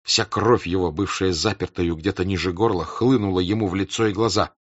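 A man narrates a classic novel with a measured, expressive delivery. His low voice is husky and moves a lot in pitch. The recording sounds dull and dry. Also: dry recording. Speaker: audiobook narrator.

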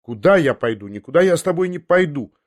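A man's voice: medium pitch, animated, a little slow, no echo, clean studio sound, natural voice. A man reading an audiobook, voicing a proud, slightly tipsy teenage boy who answers with indignant defiance. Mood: defiant. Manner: challenging, indignant.

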